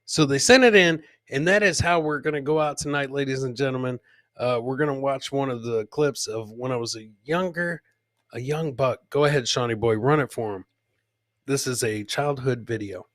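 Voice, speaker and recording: A man hosts a live comedy clip show, joking around casually with his co-host and chat and calling them by nickname. His voice is medium-pitched and fairly bright, at a moderate pace, with clean studio sound and no room echo.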